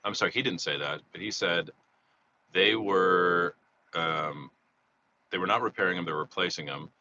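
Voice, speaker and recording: A man's voice: deep voice, normal speed, sharp tone. A man getting over a cold, chatting casually and rambling through a live stream outdoors near a freeway. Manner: rambling, chatty, restarts a lot. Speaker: slot vlogger doing a live monthly recap. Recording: slightly dull, faint freeway noise.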